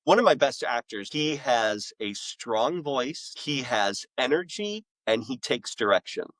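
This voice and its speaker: In a casual, animated podcast interview, a middle-aged author and voice-acting school director tells stories emphatically, pausing and repeating words for effect. His mid-range voice is very animated and slightly bright, captured in a rough recording with no room sound.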